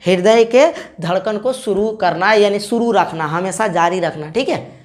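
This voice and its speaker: A woman teacher giving an exam-prep lecture, drilling students with quick questions and answers and repeating key terms. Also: mid-range voice, darkish tone. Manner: repeats key terms, self-corrects mid-word.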